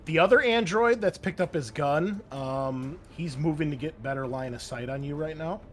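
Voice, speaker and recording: Here a game master with a fairly high voice and moderate pace leads a tabletop roleplaying session, making up action and rulings on the fly in a crude, relaxed way while thinking aloud. Loud background music sits under his voice.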